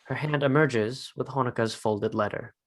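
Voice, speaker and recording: In a mid-pitched voice at normal speed, a man serves as narrator for a scripted drama, reading out scene headings and stage directions.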